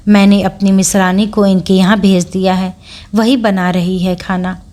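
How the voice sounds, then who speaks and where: A woman reading the part of a kind, affectionate middle-aged mother who questions her son warmly and teasingly. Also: medium pitch, level tone, unhurried, natural voice. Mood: amused.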